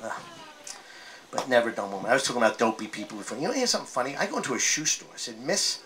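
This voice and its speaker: A man performing a stand-up comedy set, telling stories with acted-out voices and loud outbursts. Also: mid-range voice, sing-song, rapid-fire. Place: live comedy venue with laughing audience. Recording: live audience crowd noise. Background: audience laughter and applause.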